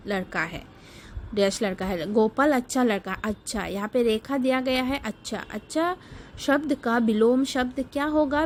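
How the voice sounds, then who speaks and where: A woman's voice: high-pitched, a little hiss or hum, rough recording. A woman teacher giving a lesson to young pupils, patiently repeating words and sounds for them. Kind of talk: online class lesson for children.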